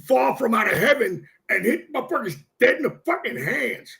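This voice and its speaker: A man co-hosting a football talk show, excitable and profane, often repeating himself as he makes his points. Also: very high-pitched, moderate pace, vocal fry. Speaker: sports show co-host.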